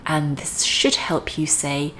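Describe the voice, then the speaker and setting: Slow, low-voiced pronunciation teacher woman. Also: fairly even intonation, fairly bright tone, a little hiss or hum. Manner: deliberate, with frequent ums. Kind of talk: slow, careful pronunciation lesson.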